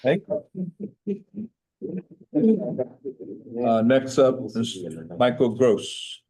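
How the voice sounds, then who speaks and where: A man chairs a public meeting, speaking briefly and politely. His voice is mellow and he talks slowly as he calls each speaker. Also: medium pitch, poor audio.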